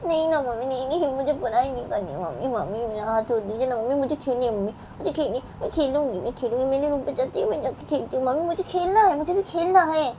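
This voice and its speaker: A woman's voice: high voice, lively intonation, fast talker, few pauses, warm tone, slight background noise, pitched above the performer's own voice. A woman voicing a whiny little girl who pleads with her mother to let her play. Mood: whiny pleading. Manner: pleading, whining.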